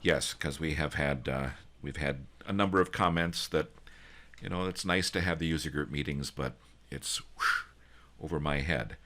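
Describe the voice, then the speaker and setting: A man with an extremely deep voice hosts an online meeting over a video call. His tone is bright and forceful despite the low pitch. He talks in a folksy, joking way with plenty of ums and restarts. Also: moderate pace. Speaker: user group organizer and host. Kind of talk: casual online meeting presentation.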